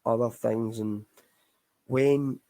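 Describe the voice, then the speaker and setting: Scottish man, middle-aged, casual live talk, mellow dark tone, frank and rambling. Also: mid-range voice, fairly even intonation, slow, low-quality recording. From Scotland. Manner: candid, rambling, addresses listeners as folks. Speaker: recovery podcast host.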